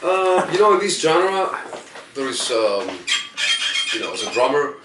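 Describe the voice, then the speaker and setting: A man's voice: a little high, very animated, a little slow, very noisy. A man with a Greek accent, a drummer giving short, friendly answers in simple phrasing in a backstage interview. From Greece. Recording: roomy, distant mic.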